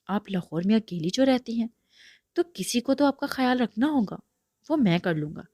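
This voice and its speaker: A woman's voice: a little high, expressive, darkish tone, no room sound, clean studio sound, voice pushed up. A woman reading aloud, voicing a confident young male boss in a playful, self-assured way. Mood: teasing.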